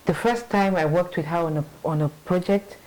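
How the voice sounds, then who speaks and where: In a conversational interview, a middle-aged marketing manager whose first language is English thinks out loud about her career, with many hesitant restarts, frequent "you know"s and easy laughter. Her voice is lowish and mellow, her pace brisk, and the audio poor.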